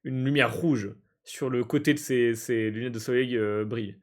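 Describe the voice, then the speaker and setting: A male streamer playing a game live, translating its text aloud in a halting, hesitant way and often breaking into amused laughter. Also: mid-range voice. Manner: halting and hesitant, stumbling over words while translating.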